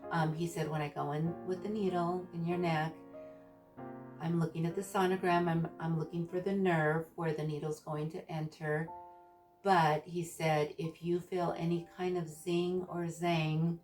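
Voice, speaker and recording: In a casual vlog, a woman with a low, level, slightly mellow voice recounts her own surgery. She speaks haltingly, often pausing to search for words, and sounds distant from the mic, with faint guitar music in the background.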